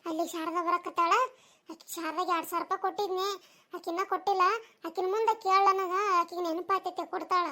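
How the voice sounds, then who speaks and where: A woman's voice: extremely high pitch, level tone, quick pace, pushed and bright. A woman voicing a worried older village woman who keeps complaining, with a North Karnataka Kannada accent. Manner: complaining, repeats her grievance.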